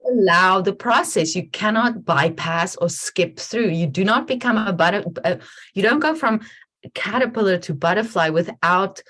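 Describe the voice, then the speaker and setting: A woman hosting a casual conversation over a video call, talking in a reflective, halting way with many restarts. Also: mid-range voice, fairly bright tone. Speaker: podcast host.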